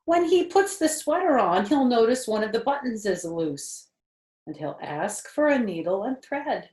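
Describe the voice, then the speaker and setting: An older woman reads a picture book aloud to children in a grandmotherly, chatty way, asking questions, pausing on phrases, and tossing in casual asides. Her voice is a little high and darkish, with big swings in pitch, and the room sounds spacious.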